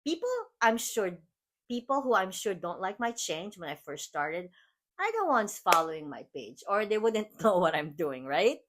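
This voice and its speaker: A middle-aged Filipino woman with a Filipino accent hosts a podcast, giving an earnest, personal motivational talk about self-love, often saying "like" and restarting her sentences. Her mid-range voice swings widely in pitch at a moderate pace.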